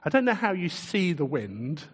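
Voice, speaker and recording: A man preaching a sermon in a relaxed, conversational way, chuckling often and putting questions to his listeners. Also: fairly high pitch, moderate pace, breathy edge, big-room sound.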